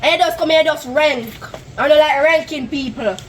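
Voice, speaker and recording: A woman's voice: sits high, normal speed, slight background noise, lightly acted. A woman with a Jamaican accent playing a brash, quarrelsome, bossy tenant in a comedy drama, speaking confrontational patois. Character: brash, quarrelsome female tenant who bosses everyone around.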